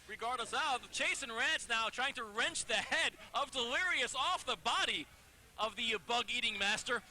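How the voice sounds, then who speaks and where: A man's voice: very high voice, animated, normal speed, sharp tone, slight background noise. A man giving wordy colour commentary on wrestling, full of wry asides.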